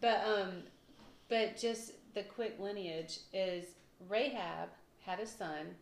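A woman, co-hosting a casual Bible discussion, chatty and quick to laugh at herself. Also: mid-range voice, gravelly. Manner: chatty, laughs often, self-deprecating. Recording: echoey room with faint noise.

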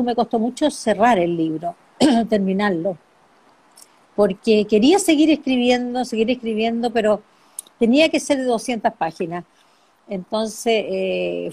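A middle-aged woman in an interview, speaking softly and reflectively about grief, often repeating phrases for emphasis. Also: mid-range voice, slightly rough. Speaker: interviewee, bereaved mother and author. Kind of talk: emotional personal interview.

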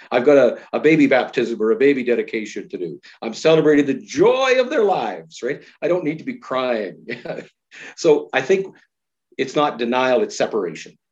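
A man, a pastor, talking earnestly and thoughtfully in a podcast conversation, slowing down to stress key words. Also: mid-range voice, darkish tone, lo-fi sound.

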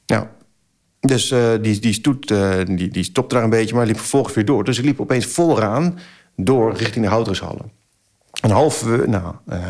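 A man in his forties, a podcast guest, telling a story in a casual, animated way, acting out his own past exclamations with plenty of filler sounds. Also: medium pitch, vocal fry.

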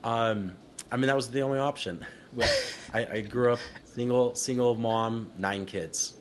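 A young adult man from Utah, a company founder as interview guest, telling his story in casual talk, lively and laughing often, acting out what people said. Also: mid-range voice, measured pace, slight background noise. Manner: animated, laughs often, acts out quotes.

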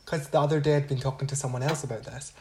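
A man's voice: medium pitch, steady tone, rapid-fire, darkish tone, slight background noise. A man with a Scottish accent, a drag queen hosting a podcast, brash and teasing in casual chat.

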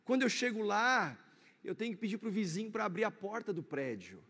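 A man with a Brazilian accent preaching a sermon as pastor, swinging between loud declarations and hushed asides. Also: high-pitched, animated, fairly quick, husky. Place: church. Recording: echoey church hall.

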